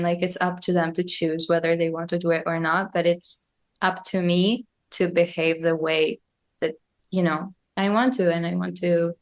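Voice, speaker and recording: A young woman from Argentina, a guest musician on a podcast, talking casually and reflectively and thinking aloud with lots of fillers. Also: on the low side.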